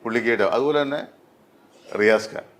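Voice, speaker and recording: A middle-aged man, a dubbing artist, talking in an interview with many pauses and fillers. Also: medium pitch, fairly bright tone. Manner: hesitant, many fillers and restarts. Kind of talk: interview conversation.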